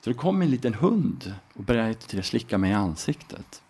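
A middle-aged man from Sweden, a podcast guest, telling a story in a relaxed, halting way with frequent tag questions. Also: fairly low pitch, husky. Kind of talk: casual storytelling.

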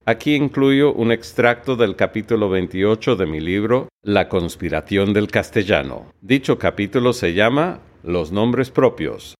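A man hosting a podcast, reading his script in a measured, precise way. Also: low voice. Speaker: podcast host.

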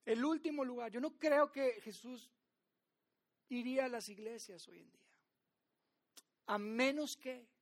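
A man delivers a sermon. He retells the story dramatically, rising to loud emphasis and dropping to near-hushed lines. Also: extremely high pitch, takes it slowly, long pauses. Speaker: pastor.

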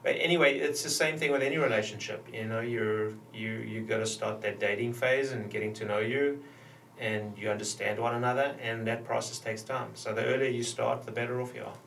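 A man's voice: mid-range voice, fairly even intonation, fairly quick, vocal fry, a bit bright. A man speaking as a startup founder on a casual panel, explaining and advising, often restarting his phrases. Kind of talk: casual panel interview answers. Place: roomy space, radio show recording. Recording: roomy, distant mic with slight noise.

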